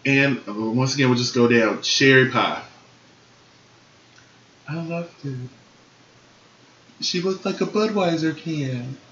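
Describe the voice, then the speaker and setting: A man co-hosting a casual TV review chat, animated and quick to laugh loudly. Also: mid-range voice, noisy background. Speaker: co-host reviewing a TV competition show. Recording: dull, roomy home recording.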